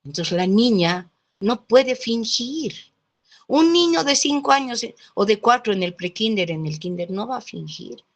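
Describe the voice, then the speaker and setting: A woman's voice: fairly high pitch, measured pace. A woman lecturing in sociology class, telling stories and checking in with listeners through little question tags. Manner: lively storytelling, often adds checking tags like "¿no?" and "¿sí?". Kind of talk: lecture told through anecdotes.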